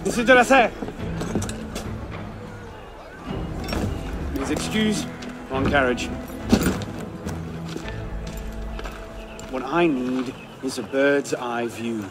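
A man's voice: mid-range voice, a little slow, loud music behind the voice, natural voice. An actor playing a cocky, sardonic young Frenchman in a video game, with a wry, teasing, breezy manner. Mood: hurried. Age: young adult. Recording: game audio over street ambience.

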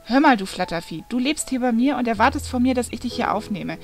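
A woman's voice: fairly high pitch, lively intonation, brisk, faint music behind. A woman reading aloud voices a snappy, angry young male demon, the son of Satan, who scolds and demands answers. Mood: furious.

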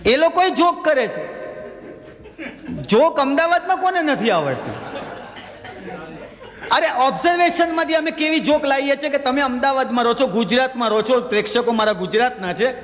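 A male stand-up comedian tells everyday anecdotes and slips into quick voices for the characters. His voice sits very high for a man. A long hall reverb trails behind every line. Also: animated, a bit bright. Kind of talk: stand-up joke telling in a stage show.

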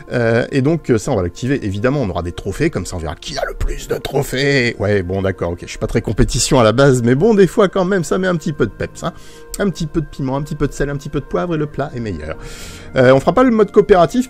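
A man's voice: mid-range voice, a little mellow. A man hosting a gaming video in casual, playful commentary, with many hesitant fillers. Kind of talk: casual let's-play commentary.

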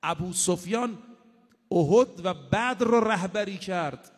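A male preacher giving a sermon, reciting short Arabic sayings and then explaining them in plain, casual speech, addressing his listeners directly. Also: high voice. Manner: addresses the audience directly, with emphatic repetition. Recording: long hall reverb.

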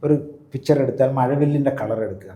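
A man's voice: mid-range voice, fairly quick, dark tone. A priest explaining his views in an interview, in a teacherly way, often checking with the listener. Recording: roomy echo.

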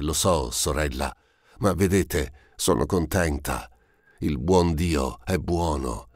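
A man voicing a hoarse, frantic dying mother. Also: very deep voice, no echo, studio quality. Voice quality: rough, hoarse outbursts. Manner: imperious and piercing.

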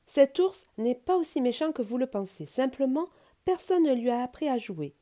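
A woman voicing a calm, kind female rabbit in a storybook, speaking gently and patiently. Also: high-pitched, moderate pace, pitched above the performer's own voice. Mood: reassuring.

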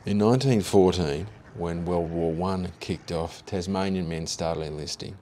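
A man, reading a scripted history narration in a measured, factual way. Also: low-pitched, dark tone, slight background noise. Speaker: documentary narrator.

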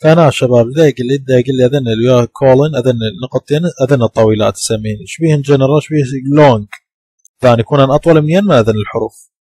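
A man with an Iraqi Arabic accent explains English vowel sounds slowly and patiently, saying each sound again and again. His voice sits at a middle pitch. It is recorded close to the mic in a dry room with no echo. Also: warm tone, husky. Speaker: English teacher. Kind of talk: classroom lecture.

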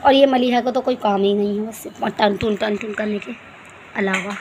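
A woman's voice: medium pitch, fairly even intonation, normal speed, heavy background noise. A young mother in a casual family vlog, talking to viewers while scolding and cooing at her small children. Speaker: vlogger mother.

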